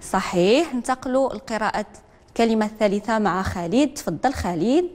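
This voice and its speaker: A woman with a Moroccan accent teaching a literacy lesson, repeating each word slowly and calling on learners one by one. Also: medium pitch, animated, a little mellow, big-room sound. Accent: Moroccan Arabic. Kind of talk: broadcast classroom lesson.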